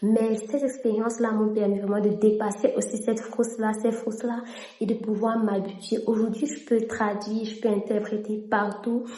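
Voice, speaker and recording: A young woman speaks in a flat, dark-toned, mid-range voice at a moderate pace. Originally from Cameroon with French as her native language, she's a vlogger and interpreter sharing her story casually to camera, moving into English partway through a sentence. The room is echoey.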